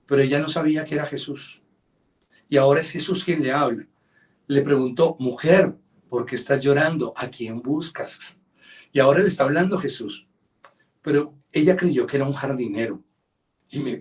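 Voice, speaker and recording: A male pastor preaching a sermon, quoting scripture and acting out the voices with expressive emphasis. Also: mid-range voice, far from the mic. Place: church service livestream.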